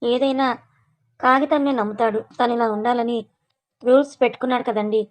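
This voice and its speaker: A woman's voice: on the high side, steady tone, fairly quick, close to an everyday voice, poor audio. A woman storyteller voicing a scheming middle-aged mother who slyly confides her plans.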